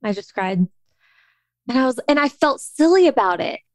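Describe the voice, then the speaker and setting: A young woman tells a long personal story in an animated, chatty way, stumbling and restarting as she talks. Her voice sits a little high, and the sound is dry and close. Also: moderate pace, dry recording. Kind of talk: casual storytelling chat.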